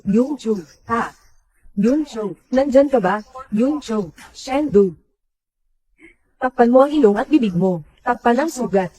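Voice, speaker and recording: A woman's voice: fairly high pitch, a little mellow, husky, dry recording, low-quality recording. A woman voicing every character of a dubbed drama in one plain voice.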